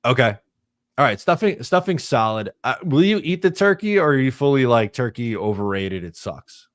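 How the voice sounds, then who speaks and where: A man co-hosting a casual sports podcast, talking in a halting way and often repeating words as he thinks. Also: mid-range voice, expressive, fairly bright tone, dry recording, studio quality. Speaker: podcast co-host.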